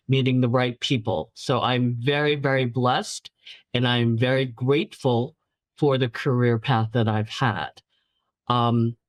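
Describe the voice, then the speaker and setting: A rumbling low voice on a dry recording belongs to a New York City woman whose first language was Chinese. Appearing as a guest filmmaker in casual interview talk, she is a warm storyteller who repeats words for emphasis and gives light laughs.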